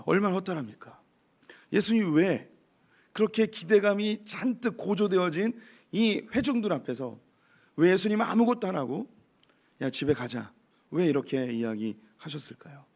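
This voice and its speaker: Hoarse pastor preaching, slightly high voice. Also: male voice. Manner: lively, addresses congregation with rhetorical questions. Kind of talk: sermon. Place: church sanctuary.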